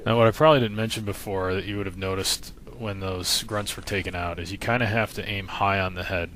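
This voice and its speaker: Brisk and a bit bright, this low male voice keeps a fairly even intonation as he narrates a game walkthrough. His instructions are casual, laid-back and matter-of-fact, recorded noisily over the game's sound.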